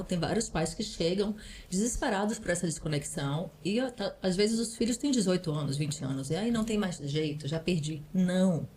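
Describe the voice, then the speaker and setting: A woman's voice: low voice, mellow, a little hiss or hum. A woman, a parental counselor, explaining earnestly in a podcast conversation and often adding small tag questions. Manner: earnest, advising, often adds "né". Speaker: parental counselor and psychoanalyst guest.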